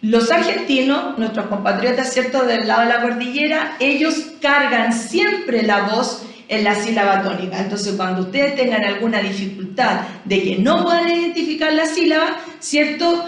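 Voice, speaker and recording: A woman's voice: a little high, normal speed, hardly any pauses. Woman, Chilean accent, primary teacher, patient explanations, lots of rhetorical questions, far from the mic. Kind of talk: recorded classroom lesson explanation. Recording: very echoey room, voice from far off.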